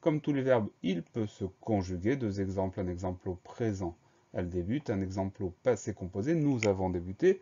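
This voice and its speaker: Man, spelling lesson teacher, patient, spells letter by letter, low voice, muffled recording. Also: animated, a little fast, dark tone, husky. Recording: dull lo-fi recording.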